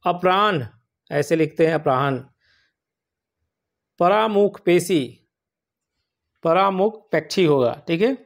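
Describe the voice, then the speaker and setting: A man with a fairly high voice takes learners through a spelling lesson for an exam. He explains slowly and patiently, and he says each word more than once so it sticks. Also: creaky. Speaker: exam prep teacher.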